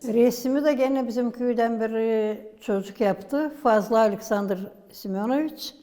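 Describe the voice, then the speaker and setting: A woman from Gagauzia with a Gagauz accent, explaining village history as a local museum guide in an unhurried, halting way with many pauses. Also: fairly high pitch, mellow, big-room sound. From Gagauzia, Moldova.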